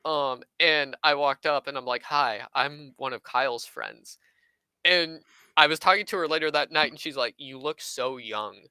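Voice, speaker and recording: A man in his twenties, a podcast guest, telling an animated anecdote and acting out what others said. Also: mid-range voice, normal speed, clear, resonant tone, no echo, poor audio. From Southern California. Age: 20s. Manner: animated anecdote teller, acts out quoted voices. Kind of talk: casual storytelling chat.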